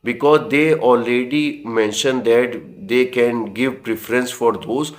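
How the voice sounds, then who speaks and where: A man's voice: medium pitch, slow. Earnest man giving a lesson. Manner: earnest, encouraging, repeats himself, frequent restarts. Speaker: English speaking tutor. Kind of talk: spoken English lesson to camera.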